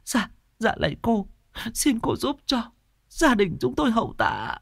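A man's voice: extremely high pitch, huge pitch swings, a little slow, creaky, fairly bright tone, no echo, studio quality, voice pushed up, full character voice. A man voicing a desperate middle-aged village mother who pleads through tears for her lost daughter. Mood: pleading. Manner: pleading, tearful.

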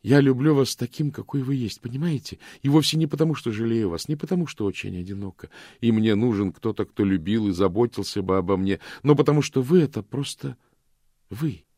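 A man's voice: mid-range voice, fairly quick, mellow, dry recording, studio quality, voice pushed up, close to an everyday voice. A man reading an audiobook, voicing a tender, lonely young woman in love who speaks earnestly and pleadingly. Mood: fervent.

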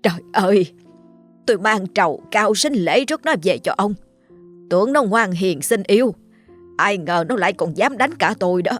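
A woman's voice: on the low side, lively intonation, normal speed, pauses often, faint music behind. A woman voicing a scheming, mocking older first wife who scolds shrilly and wails theatrically. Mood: wailing.

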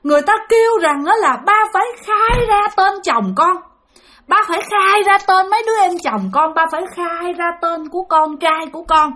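Woman doing old grandpa ghost, high crying wail, pleads over and over. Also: sing-song, a little fast, fairly bright tone, slight background noise. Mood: tormented. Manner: sobbing, pleading, repeats cries. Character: dead grandfather's ghost, old man, pained, weeping.

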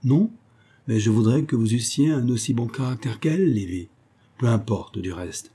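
In a husky, mid-range voice at normal speed, a man narrates an audiobook, playing a cheerful young soldier of twenty-one. The character ribs his cousin in a light, lively manner.

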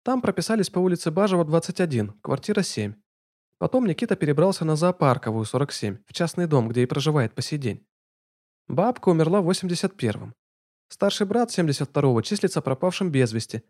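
A man putting on a sharp-tongued mocking young woman. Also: fairly high pitch, big pitch swings, fast, voice pushed up. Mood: businesslike.

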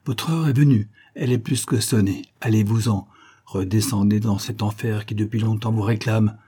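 A man's voice: lowish voice, steady tone, moderate pace, mellow, slightly rough. A man voicing a stern elderly scientist who speaks in solemn, commanding pronouncements, read in an audiobook. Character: stern elderly male scientist wielding occult power.

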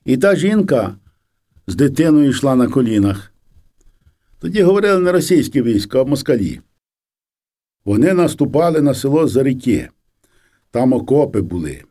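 A man reads a memoir aloud in a steady, measured audiobook style. His voice is mid-pitched with a dark, mellow warmth. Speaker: audiobook reader.

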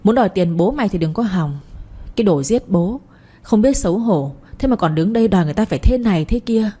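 Woman reading a spiteful young village thief, scornful, fast taunts, dark husky tone. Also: medium pitch, expressive.

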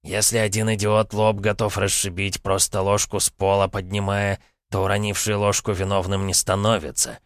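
A man's voice: on the low side, little pitch movement, moderate pace, hardly any pauses, no room sound, studio quality, lightly acted. A man voicing an arrogant male falcon god who speaks down to others, in an audiobook. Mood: curt. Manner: haughty, condescending.

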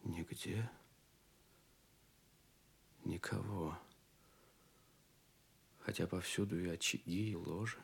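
Noble young king, low voice, slow theatrical delivery, earnest, audio drama. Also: fairly even intonation, vocal fry, slightly rough, heavily acted. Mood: awed wonder. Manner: theatrical, hushed wonder, exclamatory questions. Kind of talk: Soviet audio play acting.

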